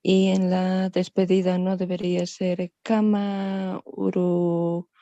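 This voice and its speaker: A woman's voice: lowish voice, little pitch movement, slow pace, mellow, no echo, muffled recording. A woman student asking a hesitant question during an online class. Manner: hesitant, searching for words.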